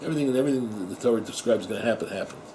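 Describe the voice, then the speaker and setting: A rabbi teaching at a yeshiva gives an informal Torah talk to students, conversational and repetitive, posing rhetorical questions and mixing Hebrew and Yiddish terms into his English. His mellow, mid-range male voice races along, captured in a rough recording with slight background noise.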